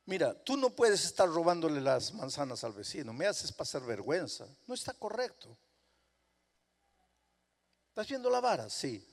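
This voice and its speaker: Preacher with dramatic hushed-to-loud swings. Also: male voice, a little high. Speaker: pastor. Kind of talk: sermon storytelling. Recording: long hall reverb.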